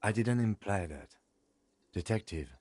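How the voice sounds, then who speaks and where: A composed middle-aged police lieutenant speaks in short, level phrases. His voice sits low and a little husky, and the game audio is dry and close. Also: animated, unhurried, a little mellow, no echo. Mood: calm, businesslike.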